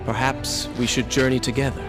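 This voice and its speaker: A man's voice: medium pitch, little pitch movement, a little fast, close to an everyday voice. A man voicing an earnest young Persian prince in a video game, speaking in formal, dramatic phrases. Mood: earnest, resolute. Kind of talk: video game cutscene acting. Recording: game audio with background music.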